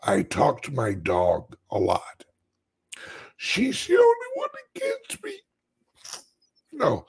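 A man with a dry, scratchy voice like a smoker's rasp, chatting casually and haltingly to his viewers in a rambling way. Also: mid-range voice. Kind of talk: casual live chat.

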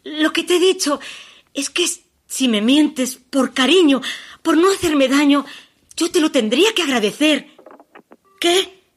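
An actress performing a stage monologue as a desperate woman pleading with her departing lover by phone, halting and emotional, shifting between hushed pleas and urgent outbursts. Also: sits high, expressive. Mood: anxious. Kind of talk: theatrical monologue.

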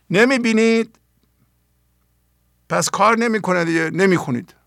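An older man gives a spiritual teaching talk, earnest and full of direct questions to his listeners. His voice sits a little high and has a gravelly edge. The recording is close and dry. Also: pushed and bright, no room sound. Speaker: spiritual teacher and program host.

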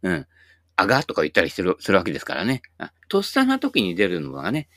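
A man's voice: sits low, huge pitch swings, fast, a bit bright, no echo, clean studio sound. A man in his sixties talking in a folksy, rambling way, full of asides and tag words, as he hosts his own channel. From Japan. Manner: chatty, folksy, many tag particles and asides. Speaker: YouTube host. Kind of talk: casual rambling monologue.

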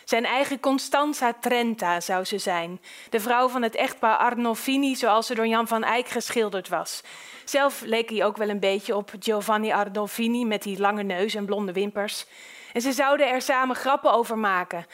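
Calm woman reading a novel. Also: fairly high pitch, normal speed. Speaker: narrator. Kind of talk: audiobook narration.

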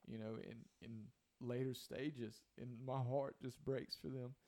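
A man's voice: mid-range voice, little pitch movement, measured pace, a little mellow. Earnest young man. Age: 20s. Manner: earnest, emphatic, preacherly. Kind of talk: faith testimony conversation.

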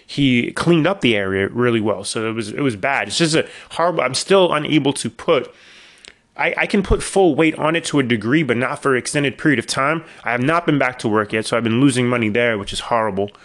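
A middle-aged man, voice worn slightly by a recent illness, hosts his own podcast in a casual solo monologue. He speaks at medium pitch, fairly quickly and with a fairly bright tone, telling long rambling tales with wry asides.

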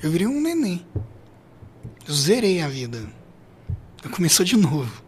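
A middle-aged Brazilian man with a hoarse, gravelly voice, telling a personal story as an interview guest in a halting, emphatically repetitive way. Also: high-pitched, sing-song, a little hiss or hum. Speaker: podcast guest.

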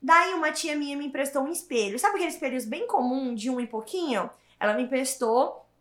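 A woman, telling her story as an interview guest in an animated, emphatic way and repeating words for stress. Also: high-pitched, fairly quick. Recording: roomy echo.

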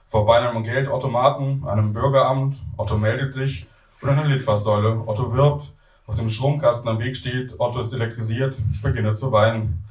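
A young man reading a comic story aloud at a live event, in a dry, matter-of-fact way. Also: medium pitch. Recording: echoey room, from far off.

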